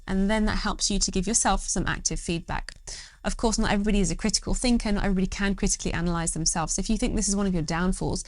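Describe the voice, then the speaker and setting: A woman's voice: mid-range voice, no echo. A young woman doctor giving study tips to camera, upbeat and encouraging. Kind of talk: educational talk to camera.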